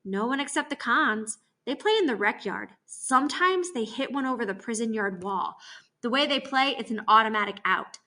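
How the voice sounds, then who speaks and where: Woman reading a storybook as a steady tomboy girl, plain-spoken, bright tone. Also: a little high, normal speed. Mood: matter-of-fact. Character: sturdy tomboy girl, calm and matter-of-fact.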